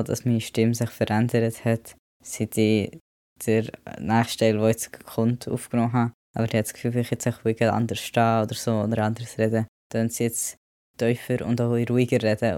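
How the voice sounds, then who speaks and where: Swiss german guy rambling casually on his vlog, warm mellow voice, tosses in english words. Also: lowish voice, monotone, a little fast, no room sound, clean studio sound. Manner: chatty, mixes in English words. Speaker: vlogger.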